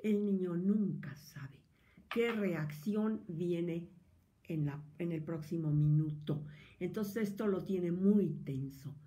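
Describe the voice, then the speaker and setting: A Mexican woman psychologist giving an explanatory talk to listeners, expressive and animated, sometimes dropping into a whisper. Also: on the low side, slow. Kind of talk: explanatory lecture addressing listeners.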